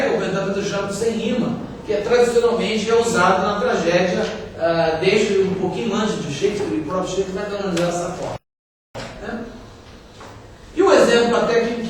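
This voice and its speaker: A middle-aged Brazilian man delivers a university lecture in a fairly high voice, explaining step by step and checking in with little tag questions. The recording is distant and very echoey, with a faint hiss behind. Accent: Brazilian Portuguese. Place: lecture hall.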